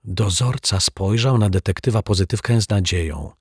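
A man narrating a children's detective story in a steady, unhurried reading. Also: on the low side, breathy edge, no room sound, clean studio sound. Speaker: audiobook narrator.

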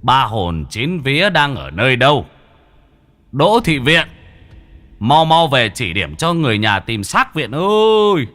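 A man's voice: medium pitch, very animated, a little slow, sharp tone, pitched above the performer's own voice. A man voicing a ritual summoner who intones a call to a lost soul. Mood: solemn summoning.

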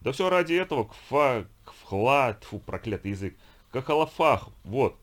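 A man voicing a huge, hot-tempered bearded viking who curses and shouts in exasperation. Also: medium pitch, big pitch swings, unhurried, pitched above the performer's own voice. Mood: gruff, exasperated. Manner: loud, cursing, exasperated shouting.

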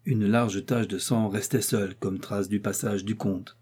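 A man reading a classic adventure novel aloud as an audiobook, in a measured, theatrical storytelling manner. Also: on the low side, fairly even intonation, darkish tone, slightly rough. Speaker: audiobook narrator.

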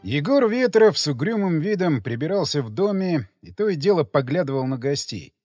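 A man narrating an audiobook in scripted, expressive storytelling. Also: fairly high pitch, moderate pace, soft background music. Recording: dry close mic with long added reverb.

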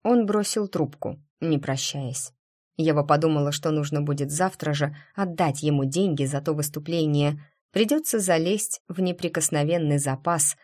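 Woman narrator, deep for her sex, measured audiobook reading. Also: a little mellow.

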